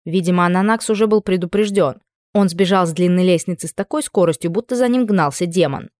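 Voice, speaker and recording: A woman narrating a first-person fantasy audiobook in a lively, expressive reading. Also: on the low side, quick pace, no echo, studio quality.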